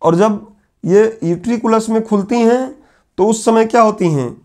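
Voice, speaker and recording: High-voiced man dictating a lecture. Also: darkish tone. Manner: repeats key phrases slowly for dictation. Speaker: exam coaching teacher. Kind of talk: classroom lecture. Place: classroom with whiteboard.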